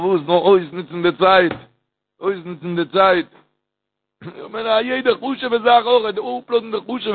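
A man preaching a storytelling sermon, animated, swinging from loud calls to low murmurs and intoning prayer phrases in a singsong. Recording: tinny phone-like line.

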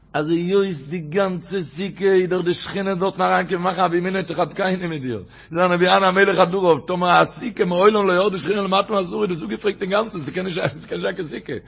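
A man, a rabbi, giving a Torah talk, who repeats his phrases and recites Hebrew quotes in a quick chant. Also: high-pitched, gravelly, breathy edge, lo-fi sound. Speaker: rabbi teaching.

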